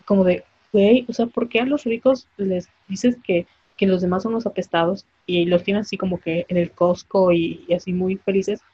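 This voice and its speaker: A woman's voice: mid-range voice, steady tone, normal speed, hardly any pauses, warm tone, husky, highs cut off. A young woman, co-hosting a podcast in casual chat, talking in a blunt, impassioned way with casual swearing. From Mérida, Yucatán, Mexico. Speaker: podcast co-host.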